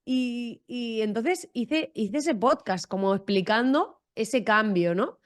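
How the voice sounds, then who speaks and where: A woman from Almería speaks in a podcast interview. Her voice sits fairly high. She talks frankly and directly, with a humorous edge. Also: expressive, slow. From Almería, Spain. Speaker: guest entrepreneur.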